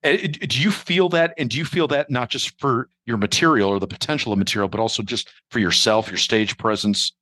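A man's voice: medium pitch, brisk, hardly any pauses, pushed and bright, no room sound. A man in his forties, a comedian hosting a podcast, telling stories in a laid-back way with many ums and asides. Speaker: podcast host and stand-up comedian. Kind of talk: casual podcast conversation.

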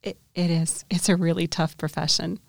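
Candid, lower-voiced woman dentist. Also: little pitch movement, moderate pace, gravelly, a little mellow, no room sound, studio quality. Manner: candid, reflective, with small restarts. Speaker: dentist and podcast co-host. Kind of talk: casual podcast conversation.

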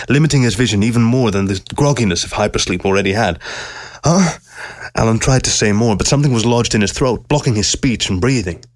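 Low-voiced man reading a story. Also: no room sound, clean studio sound. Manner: steady, measured storytelling. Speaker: narrator. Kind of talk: audiobook reading of a science-fiction story.

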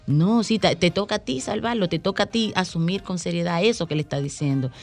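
Low-voiced woman telling a story earnestly. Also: fairly quick. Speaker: guest promoting a stage play. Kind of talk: radio interview.

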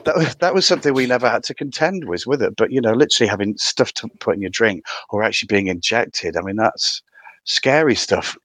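Middle aged durham bloke w a bit of midlands, deep voice, chatting casually, really dry close sound. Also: male voice, animated, a little fast, a bit bright, slightly rough, no room sound. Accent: County Durham with a Midlands tinge. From County Durham, England. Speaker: podcast guest. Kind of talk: casual conversational interview.

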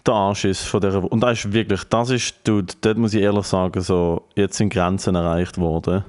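A young man with a Swiss German accent, co-hosting a podcast in casual, teasing banter, animated and given to exaggeration. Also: low-pitched, a little fast, clear, resonant tone. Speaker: podcast co-host.

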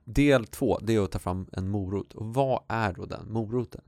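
Gravelly man, joking podcast co-host. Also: fairly low pitch, darkish tone, dry recording, studio quality. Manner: joking, loose and chatty. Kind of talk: casual chat. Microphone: studio podcast mic.

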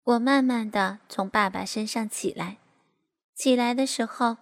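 A woman narrating a first-person story. Her voice sits fairly high, and her delivery stays steady and smooth. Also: a little slow.

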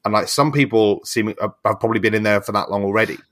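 A man's voice: fairly low pitch, fast talker, a bit bright. A young man co-hosting a casual chat, rambling and swearing freely, often laughing. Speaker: podcast co-host.

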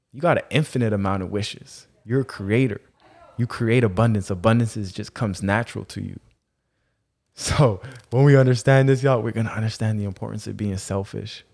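Low-pitched man with Rasta-style speech. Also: creaky, a little mellow. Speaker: podcast host. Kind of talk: motivational spiritual monologue.

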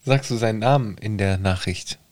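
A man's voice: fairly low pitch, normal speed, a little mellow, no room sound, clean studio sound. A man reacting in a laid-back, joking way as co-host of a casual podcast.

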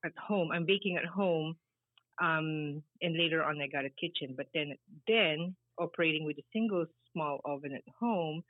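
A woman's voice: sits low, normal speed, no room sound. Middle-aged woman as interview guest; meandering, filler-heavy answers over a tinny, dry line. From Philippines. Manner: rambling, many fillers, laughs easily. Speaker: guest, baker and business founder.

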